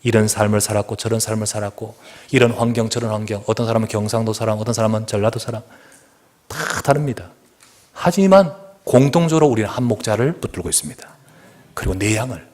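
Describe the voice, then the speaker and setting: A man's voice: fairly low pitch, fast, darkish tone. A male pastor preaching a sermon in a church, emphatic and asking the congregation questions. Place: church sanctuary.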